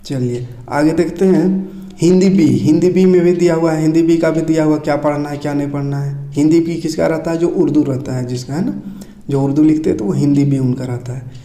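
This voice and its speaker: A man teaching a lesson, his voice set a little high but mellow and warm in tone. He takes each point in turn, stopping often to check that students are following. The recording has the noticeable echo of a bare room. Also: fairly even intonation, brisk. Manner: explains item by item, repeats checks and tags. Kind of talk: casual screen-share lesson walkthrough. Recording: echoey room.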